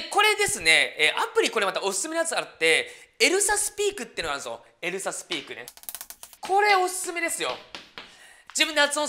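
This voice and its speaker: Lively, fast-talking male English teacher. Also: high voice. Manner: chatty and encouraging, frequent tag particles and fillers. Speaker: English cram-school teacher. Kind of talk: casual lecture-style study advice video.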